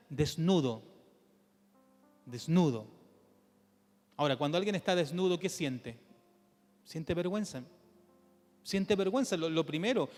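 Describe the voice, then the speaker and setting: High-voiced Chilean pastor preaching in church. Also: male voice, big-room sound. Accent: Chilean Spanish. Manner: animated preaching with rhetorical questions, drops to a soft low voice for emphasis. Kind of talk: sermon.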